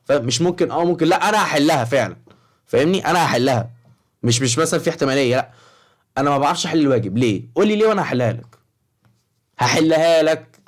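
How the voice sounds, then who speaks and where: A young man with an Egyptian Arabic accent, talking to high school students in a casual, rambling vlog and often checking in with the viewer. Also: expressive, fast. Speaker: study-advice vlogger for high school students.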